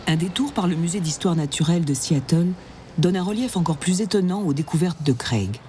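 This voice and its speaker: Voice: medium pitch, brisk, dark tone, a little hiss or hum. A narrator reading a scripted nature documentary narration. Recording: music behind the voice.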